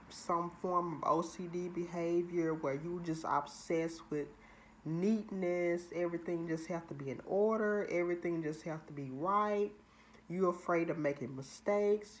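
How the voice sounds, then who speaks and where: A woman's voice: on the low side, slight background noise. A woman hosting her own channel, giving a candid, confessional motivational talk drawn from her own experience. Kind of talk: motivational personal vlog talk.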